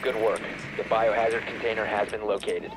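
A man voicing a calm male military announcer in a video game, giving clipped, matter-of-fact commands. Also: on the low side, a little fast, heavy background noise, natural voice. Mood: commanding. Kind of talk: scripted video game voice lines. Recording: loud game music behind. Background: game music and gunfire.

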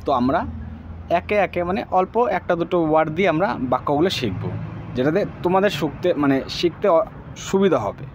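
A man giving a casual video language lesson, saying each practice phrase slowly and repeating it several times. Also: fairly high pitch, slight background noise. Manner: slow, drawn-out repetition of practice phrases. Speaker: language teacher.

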